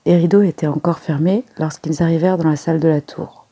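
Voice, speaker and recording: An audiobook reader giving measured scripted narration of a novel chapter. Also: medium pitch, steady tone, vocal fry, dark tone, husky. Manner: measured storytelling.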